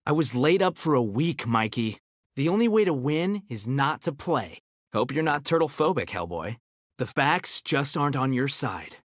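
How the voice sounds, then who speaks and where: In clean, dry studio sound, a man with a medium-pitched, slightly bright voice plays a brainy, cocky young ninja turtle in a video game. He trades battle banter in an American accent, full of nerdy, quippy confidence.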